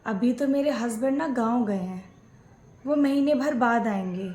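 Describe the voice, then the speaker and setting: A woman's voice: a little high, moderate pace, darkish tone, reverberant. A woman acting out a scripted family skit, playing both a mother-in-law and a daughter-in-law.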